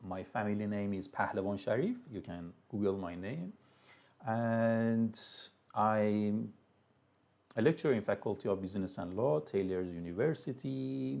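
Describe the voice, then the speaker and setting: A man's voice: lowish voice, vocal fry, a little mellow. A man from Iran with a Persian accent, a university lecturer giving a live classroom lecture in a loose, chatty way with many restarts.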